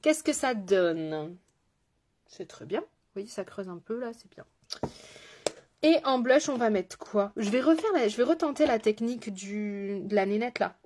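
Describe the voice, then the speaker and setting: A woman's voice: mid-range voice, lively intonation, a little slow, darkish tone. A woman with a French accent, a makeup artist chatting casually through a live tutorial, greeting viewers and joking about herself. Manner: chatty, greets viewers, self-mocking asides.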